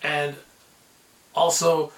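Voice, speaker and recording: A man's voice: a little high, completely flat delivery, drawn-out words, fairly bright tone, reverberant. A man vlogging casually and giving opinionated, chatty talk straight to his viewers.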